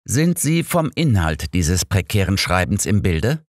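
A man voicing a sharp, know-it-all older detective who lectures his friend with smug superiority. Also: low-pitched, big pitch swings, unhurried, no room sound, clean studio sound, pitched above the performer's own voice, exaggerated voice. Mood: lecturing.

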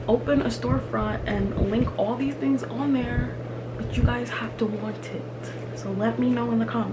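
A young woman vlogging in casual chat, emphatic and chatty with lots of fillers, in a small room. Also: on the high side. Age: young adult. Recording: loud room ambience noise.

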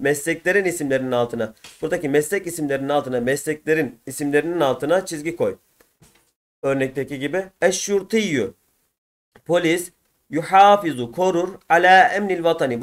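A man's voice: on the high side, brisk. Turkish-accented man teaching vocabulary. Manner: explains patiently, repeats each word twice, addresses viewers as friends. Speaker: Arabic teacher. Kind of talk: textbook answer walkthrough lesson.

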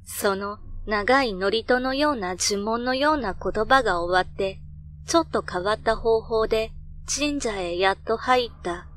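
Slow-paced woman narrating a ghost story. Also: fairly high pitch, fairly bright tone, slight background noise. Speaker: narrator of horror stories. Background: background music.

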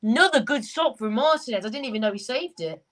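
A woman's voice: fairly high pitch, expressive, fast talker, low-quality recording. A young woman hosting a live football reaction vlog, keeping up a running commentary and passing on what her chat says. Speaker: vlogger host.

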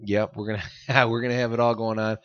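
A man's voice: fairly low pitch, little pitch movement, brisk, clear, resonant tone, no room sound. A man co-hosting a casual fitness podcast, rambling and laughing often. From United States. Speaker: podcast co-host. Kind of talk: casual chat. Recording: dull lo-fi audio.

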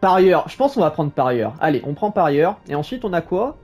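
Casual male game commentator, soft warm tone, thinks out loud, light music underneath. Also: a little high, very animated, a little fast. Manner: musing aloud, informal. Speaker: gaming video host.

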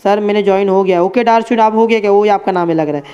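Male streamer, casual running commentary to chat, muffled low-fi sound. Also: rapid-fire, mellow, clear, resonant tone. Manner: chatty, addresses chat and friends as bhai. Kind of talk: casual live game commentary.

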